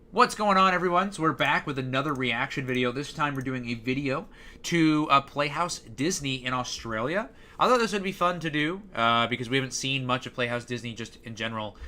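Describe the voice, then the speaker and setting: A man's voice: medium pitch, sharp tone. Rambling young male streamer. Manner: rambling, hesitant, many fillers. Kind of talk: casual live-stream chat.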